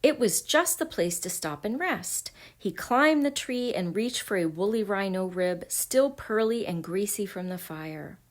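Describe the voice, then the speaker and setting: A woman reading a children's picture book aloud, gentle and expressive, sometimes dropping to a hush. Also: medium pitch, a little slow, hardly any pauses. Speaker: storybook reader.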